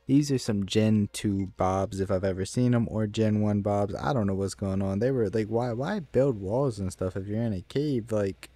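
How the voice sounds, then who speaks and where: A man talks through a game raid in a relaxed, rambling way, full of fillers and restarts. His voice sits low and mellow. The recording is dry and close, with no room sound. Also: normal speed, few pauses, no room sound. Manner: laid-back, rambling with many fillers. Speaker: gaming YouTuber. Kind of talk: casual gameplay commentary.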